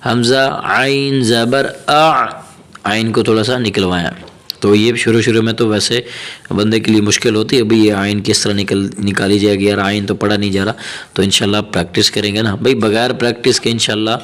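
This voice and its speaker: A man with a Pakistani Urdu accent teaching Quran reading, patient and encouraging, spelling out syllables slowly and then explaining quickly. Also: on the low side, little pitch movement, a bit bright. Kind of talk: teaching lesson.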